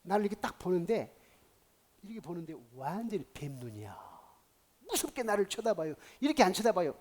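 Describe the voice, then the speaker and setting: A male pastor preaching a sermon, telling a story with dramatic swings from hushed tones to loud outbursts. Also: high voice, very animated, a little fast.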